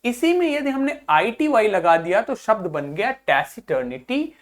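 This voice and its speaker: A woman's voice: medium pitch, big pitch swings, normal speed. A woman teacher giving a vocabulary class to school children. She repeats each point patiently, spells suffixes out letter by letter and reads words.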